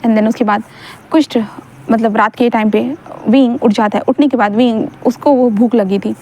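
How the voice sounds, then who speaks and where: A young woman casually retelling a story she wrote, chatty and rambling, often stopping to correct herself. Her voice sits a little high and has a soft, mellow tone. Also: fairly even intonation, moderate pace, dull audio.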